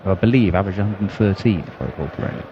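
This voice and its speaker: A man's voice: low-pitched, very fast, highs cut off, background noise. A man giving live darts commentary as a broadcast commentator.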